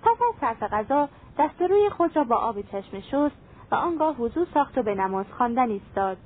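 Woman narrator, audiobook fairy tale, formal and even delivery, fairly high voice, phone-like sound. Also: a little hiss or hum. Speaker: storyteller.

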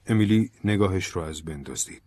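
A man narrating an audiobook in a calm, even storytelling manner. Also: deep voice, dry recording. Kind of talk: scripted narration.

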